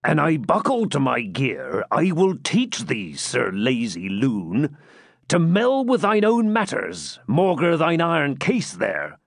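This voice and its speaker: A man voicing a brawling, boastful burly friar, speaking bluff archaic English in a raised, drawn-out voice. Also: a little high, huge pitch swings, gravelly, no room sound, studio quality, full character voice. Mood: blustering. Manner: bluff, blustering archaic speech.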